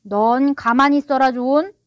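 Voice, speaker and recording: A woman's voice: fairly high pitch, animated, moderate pace, no room sound, lightly acted. A woman voicing a proud, sulky middle-aged father who blusters and gets defensive. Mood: indignant.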